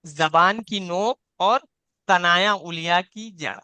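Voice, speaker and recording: Bright, clear-voiced male Quran teacher. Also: high-pitched, takes it slowly, no room sound. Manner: patient, repeats points, demonstrates each sound aloud. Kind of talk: live online class, teaching letter sounds. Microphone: video call.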